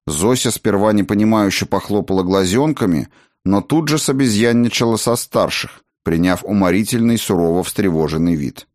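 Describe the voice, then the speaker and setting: A man narrating a fantasy audiobook in a measured, expressive storytelling manner. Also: on the low side, no room sound, clean studio sound.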